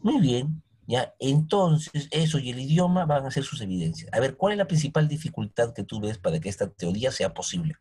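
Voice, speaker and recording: A man's voice: medium pitch, expressive, brisk, hardly any pauses, mellow, husky. A man teaching history, who keeps asking his listeners questions and coaxing answers. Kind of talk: recorded history lesson.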